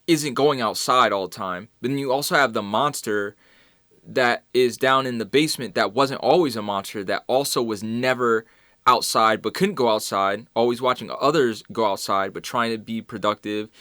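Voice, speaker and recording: A man's voice: medium pitch, moderate pace, bright, forceful tone, dry recording, clean studio sound. A man co-hosting a casual film talk show, rambling through his explanations with frequent restarts. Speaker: podcast co-host.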